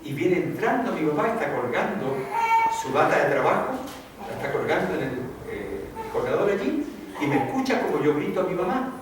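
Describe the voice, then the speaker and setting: A male pastor preaches a sermon, acting out the voices he quotes. His voice sits a bit high and swings widely in pitch. He is heard from a distance in a strongly echoing church hall with clear background noise. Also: very animated, brisk. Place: church sanctuary.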